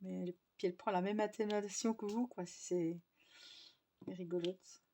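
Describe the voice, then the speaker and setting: A woman's voice: mid-range voice, fairly even intonation, normal speed, warm tone. A young woman chatting casually to her viewers, rambling with lots of fillers and restarts. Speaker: vlogger.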